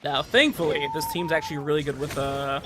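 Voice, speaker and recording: A game streamer offers easygoing, casual live commentary while playing, mumbling reassurances in a medium-pitched voice with big pitch swings and a slightly fast pace. Video game music plays behind the voice, and background noise is heavy.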